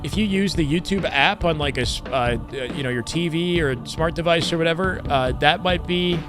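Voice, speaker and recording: A man with a slightly high voice commentates a game stream in a casual, chatty way. He welcomes and thanks viewers in hype slang, with music faintly behind him. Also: fairly quick. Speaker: live streamer and esports commentator. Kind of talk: casual stream commentary and chat shout-outs.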